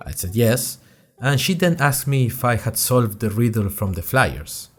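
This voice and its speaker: At a measured pace and close to an everyday voice, a medium-pitched man narrates in the first person over soft music. He plays a curious young student journalist hosting a fictional podcast, spinning his adventures in a wry, chatty, expressive way.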